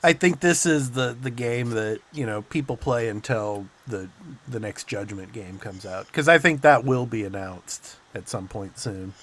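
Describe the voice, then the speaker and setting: A man's voice: mid-range voice, measured pace, hardly any pauses, a bit bright. A man hosting a casual gaming podcast, easygoing, laughing often and passing the mic to co-hosts. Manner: easygoing, laughs often, short agreeing replies. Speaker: podcast host.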